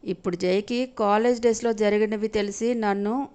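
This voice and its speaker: A woman plays a heartbroken young wife in a storybook drama. She pleads through tears to prove her innocence. Her voice sits at a middling pitch. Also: steady tone, normal speed, darkish tone, clean tone, natural voice. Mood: tearful. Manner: sobbing, pleading.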